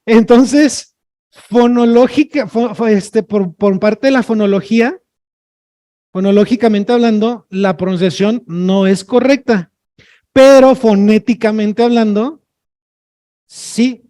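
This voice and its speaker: In a high-pitched, mellow voice that's a little slow, a man delivers a workshop lecture as a sign language trainer. He jokes with the audience, stays chatty and frequently checks in with "ok?" and "no?".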